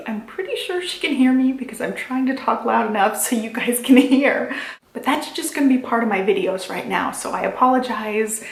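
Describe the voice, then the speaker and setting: Quiet-talking woman, higher voice, echoey room. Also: creaky. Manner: quiet, held-back talking to avoid waking her baby; encouraging, reassuring. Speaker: crafting channel host. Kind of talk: casual chatty vlog talk.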